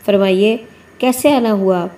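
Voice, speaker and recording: A woman's voice: medium pitch, mellow, close to an everyday voice. A woman voicing a retired army major working as a company officer, courteous and guarded.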